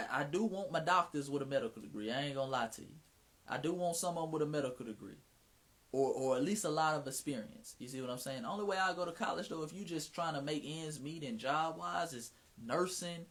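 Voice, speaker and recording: Hosting his own livestream, an Atlanta man with a Southern Mississippi twang talks in a fairly high, brisk, slightly bright voice. His casual chat is frank and slangy, peppered with profanity and lots of restarts.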